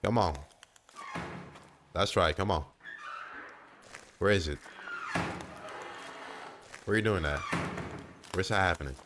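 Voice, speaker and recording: A young man with a very low voice narrates his horror game playthrough. He's animated, exclaims and repeats himself, talking straight back at the screen. A faint hiss sits under the recording. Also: takes it slowly, long pauses. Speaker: gamer playing a horror game. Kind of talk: let's-play commentary.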